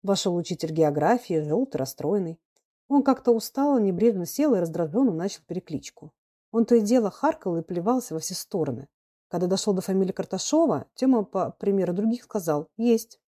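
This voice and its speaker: A woman narrating an audiobook of classic prose in a calm, measured way. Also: medium pitch.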